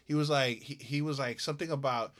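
A man co-hosting a casual podcast, telling a story in a profane, animated way and acting out the voices of the people in it. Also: mid-range voice, fast. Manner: profane, animated, laughing, acts out quoted voices. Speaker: podcast co-host.

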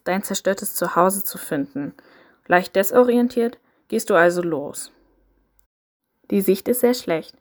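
A woman reads a dark interactive story aloud, addressing the listener directly. Her delivery is dramatic and builds tension in a mid-range voice. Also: medium pitch. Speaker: narrator. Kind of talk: second-person interactive audio story.

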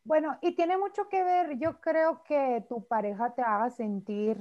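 High-voiced Mexican woman chatting casually. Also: fairly even intonation, unhurried. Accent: Mexican Spanish. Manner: chatty, frequent fillers, mimics quoted speech. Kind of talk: casual chat. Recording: slightly dull lo-fi audio.

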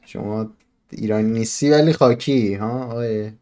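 A man hosts a casual podcast. His voice is mellow and relaxed, at an ordinary male pitch. He talks in a bantering, conversational way. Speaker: podcast host.

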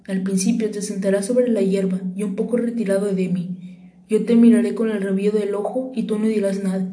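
A woman voicing a wise, gentle male fox in a read-aloud storybook, speaking with a patient, tender cadence. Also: medium pitch, fairly even intonation, a little fast, lightly acted. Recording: roomy echo.

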